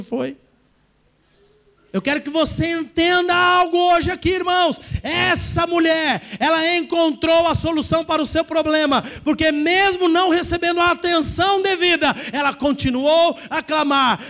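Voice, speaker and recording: A man preaching a sermon in church, his voice sitting unusually high. He leads the congregation in call-and-response and rises to shouting at the peaks. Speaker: pastor.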